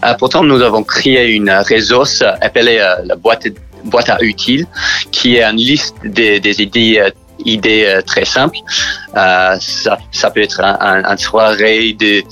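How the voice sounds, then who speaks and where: A man from New Zealand speaking French as a second language with a strong English accent, halting and often repeating words as he answers interview questions. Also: fairly low pitch, fairly even intonation, pushed and bright, soft background music. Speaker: interview guest from a church sports outreach group.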